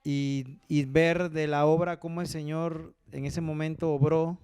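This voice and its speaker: A man speaking casually as an interview guest, with quick, mumbled delivery. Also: a little high, little pitch movement, a little mellow, clear, resonant tone, no room sound. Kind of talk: casual conversation.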